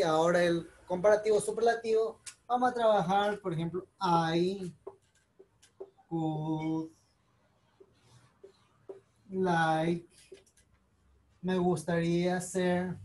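Slow, patient woman teaching English. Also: fairly low pitch, darkish tone. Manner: patient, explains slowly step by step, spells out letters. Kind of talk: recorded online class explanation.

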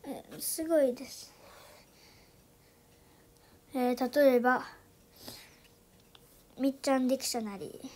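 A woman hosting her own channel, giving a casual app tutorial with lots of fillers and quiet asides. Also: high voice, a little slow, long pauses. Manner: chatty, many fillers, drops into soft asides. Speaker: YouTube channel host.

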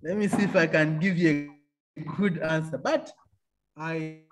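A man's voice: fairly high pitch, a little slow. A man, an engineer turned entrepreneur, telling stories about his faith and business in an interview. He laughs often and acts out the voices of other people. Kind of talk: faith-filled storytelling interview.

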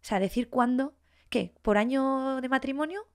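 At a moderate pace and in a high-pitched voice, a woman in her forties with a Spain Spanish accent tells her personal story as a podcast guest. Candid and full of feeling, she gets animated while acting out what people said to her.

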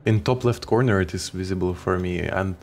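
Ukrainian male game streamer, very low voice, laid-back chatter, casual swearing. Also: brisk, a little hiss or hum. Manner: relaxed, swears offhandedly. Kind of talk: casual gameplay commentary.

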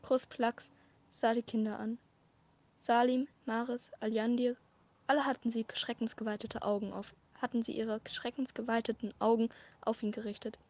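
A woman narrating a fan-written story as a short audiobook, with a measured, dramatic reading and occasional slips. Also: on the high side, little pitch movement, darkish tone. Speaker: amateur audiobook reader.

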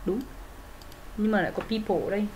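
Her voice is mid-range, a little mellow, animated and fast as she explains English grammar exercises. She works methodically through each answer step by step, with plenty of fillers and self-corrections, against a little hiss or hum.

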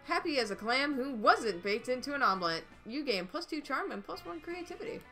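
A woman's voice: sits high, expressive, a little fast, pushed and bright, faint music behind. A woman narrating a dating game on a stream, reading the text in a playful, upbeat way with dry asides.

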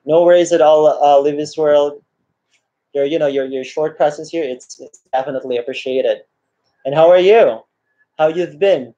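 A man in his 30s chats casually on a live stream from a small indoor room, reading viewer comments aloud, greeting people by name, and laughing often in a friendly way. His voice is fairly high and mellow at a moderate pace. A laptop webcam mic gives the recording a dull, lo-fi sound.

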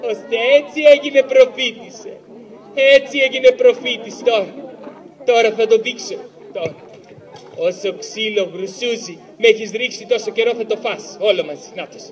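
A man voicing a timid, fussy old shadow-puppet servant in a high, fretful tone. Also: steady tone, a faint crowd. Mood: vengeful. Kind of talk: live shadow-puppet theater.

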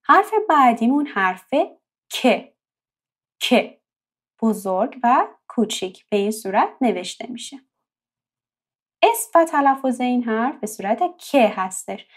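A young woman with a fairly high voice gives a patient language lesson. She explains each point, then says the example words slowly and clearly, drawing them out so learners can copy them. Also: expressive. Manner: slow, drawn-out repetition of example words. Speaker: language teacher.

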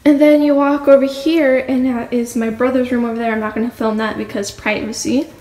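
This time the teenage girl sounds brisk, her slightly high voice holding a level tone. She rambles chattily, leaning on fillers, while filming her arm's-length phone tour of an empty, bare-walled house, where the rooms echo and a faint hum hangs in the air.

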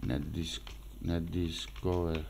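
A man's voice: deep voice, flat delivery, very slow, vocal fry, a little mellow, slight background noise. A man casually talking through a desktop demo as he goes, rambling and repeating himself as he thinks aloud. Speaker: screencast maker. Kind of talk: casual screen-recorded demo.

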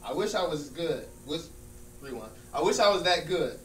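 Echoey, far-off room. Male actor as smug friend, mocking and fed up, higher-pitched, comedy sketch. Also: lively intonation, normal speed, a bit bright. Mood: exasperated. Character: exasperated, smug friend of a basketball coach. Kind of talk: acting class comedy scene. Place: large room with small stage, indoors. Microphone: far camera. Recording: distant, echoey room with hum and noise.

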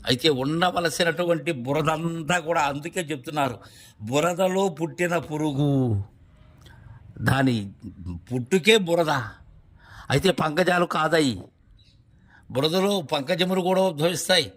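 A man's voice: on the high side, a little slow, pauses often, a bit bright. A man, a spiritual teacher, explaining verses in a devotional discourse, repeating his points and asking rhetorical questions.

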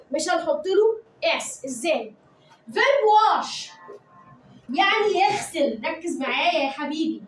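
A woman with an Egyptian Arabic accent who has a cold, teaching English grammar to children in a lively, coaxing way and chanting the rules in a sing-song voice. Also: very high voice, echoey room, distant mic, a little hiss or hum, poor audio. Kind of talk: online grammar lesson to children.

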